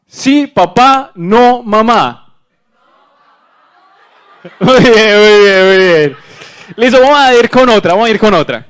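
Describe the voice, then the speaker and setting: A man's voice: animated, fairly bright tone, clean tone. A man from Colombia leading a playful call-and-response game with an audience in a large auditorium. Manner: playful, drawn-out calls with pitch swings. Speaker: activity leader at a conference.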